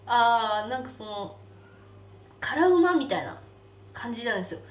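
A woman's voice: fairly high pitch, big pitch swings, normal speed. A young woman hosting a casual live stream, chatting and reacting aloud as she eats spicy noodles and reads out viewer comments. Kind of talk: casual live-stream chat while eating. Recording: roomy, slightly distant mic with faint background hum.

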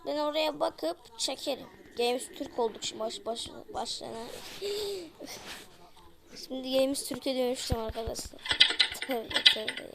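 High-voiced woman jumpily playing a horror game. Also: fairly even intonation, moderate pace, gravelly, fairly bright tone. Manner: jumpy, cries out when startled, keeps addressing viewers. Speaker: gaming channel host. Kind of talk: horror game let's play commentary.

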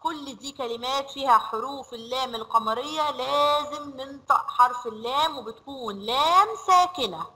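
A woman with an Egyptian Arabic accent teaching a children's lesson, stretching words out slowly as she drills them. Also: sits high, bright, forceful tone, rough recording. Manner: slow, drawn-out word drills.

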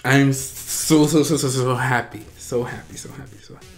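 A man hosting a reaction video, talking casually and excitedly, gushing, laughing and trailing off mid-sentence. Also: medium pitch, normal speed, gravelly. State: out of breath.

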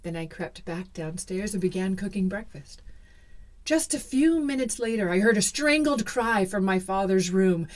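A woman storyteller telling a folktale in the first person, dramatic and dropping to hushed whispers. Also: mid-range voice, animated, normal speed.

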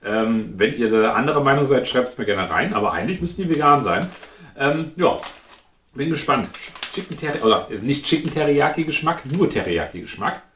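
Animated man reviewing snacks, echoey room. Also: medium pitch, a little fast. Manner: informal, thinking aloud while tasting. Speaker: food review host. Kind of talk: casual chat, snack taste-test review. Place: indoors at home, in front of a glass cabinet. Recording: roomy echo, clear background noise.

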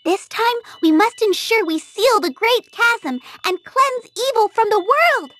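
Airy, a squeaky, bossy fairy. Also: female voice, a little slow, exaggerated voice. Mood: exultant. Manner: excitable, commanding. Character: tiny, zealous, bossy female fairy. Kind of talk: video game voice acting.

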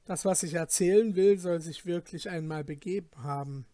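A man's voice: high-pitched, moderate pace, warm tone, dry recording, studio quality, lightly acted. A man voicing a composed young student who speaks up among travellers at an inn, in a storybook reading. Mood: calm. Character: young male student, calm and clever.

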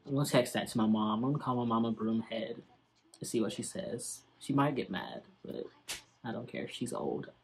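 A man's voice: medium pitch, normal speed, gravelly. A young man giving casual, slangy and sassy commentary as he reacts to an old TV episode.

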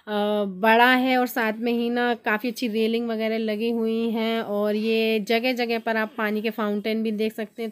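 A woman in her thirties narrating a family vlog as a voice-over, chatty and gushing, with many small fillers. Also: a little high. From India. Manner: chatty, repeats fillers, gushes over what she shows. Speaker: family vlogger.

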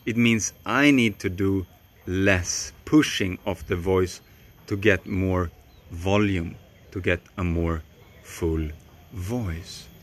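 A young man who speaks Swedish as his first language works as a voice coach, teaching voice technique to the camera from a tropical garden outdoors. His low voice stays slow, calm and deliberate, with long pauses.

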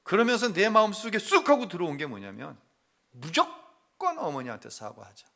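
A middle-aged male pastor telling a personal family story in a sermon, moving between hushed confession and loud acted-out quotes. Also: high voice, huge pitch swings, normal speed, gravelly.

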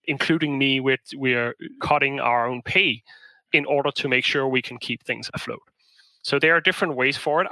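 Bright-voiced Danish-born man explaining. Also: medium pitch, no echo, low-quality recording. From Denmark. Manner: thoughtful, explanatory, with frequent restarts. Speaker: guest, management consultant. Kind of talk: podcast interview answers.

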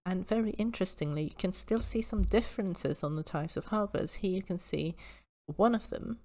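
Female presenter, slightly low voice, informal history explainer, measured and precise delivery. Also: dark tone, low-quality recording.

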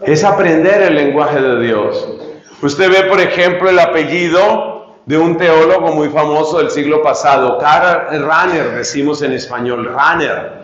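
A man giving a retreat teaching talk, speaking slowly and deliberately, repeating phrases and acting out pronunciations as he teaches. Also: on the high side. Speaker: preacher at a lay retreat. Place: retreat meeting room. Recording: echoey room, dull lo-fi sound.

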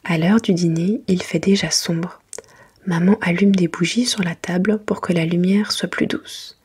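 Breathy whispering woman reading a bedtime story. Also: on the low side, steady tone, normal speed. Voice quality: breathy, mostly whispered soft voice. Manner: gentle, careful reading to children. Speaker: narrator reading a children's picture book.

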